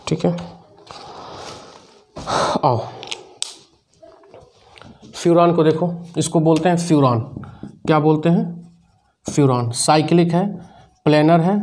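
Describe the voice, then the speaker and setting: A man's voice: a little high, takes it slowly, pauses often, a little mellow. A man from teaching chemistry at a board, counting electrons aloud and quizzing his students. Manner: counts aloud step by step, drills students with questions. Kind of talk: whiteboard lecture.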